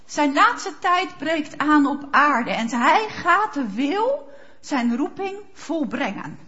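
A woman's voice: high-pitched, sing-song, takes it slowly, pushed and bright, lo-fi sound. A woman preacher giving a sermon, speaking emphatically and asking rhetorical questions of her listeners. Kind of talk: sermon with Bible reading.

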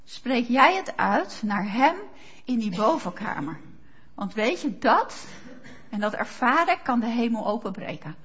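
A woman preaching with a high voice that swoops up and down. She speaks slowly and with weight, lifting her voice for fervent quoted prayers, on a dull lo-fi recording. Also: big pitch swings, a bit bright. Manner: slow, emphatic, rising to fervent quoted prayers. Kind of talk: sermon. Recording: dull lo-fi sound.

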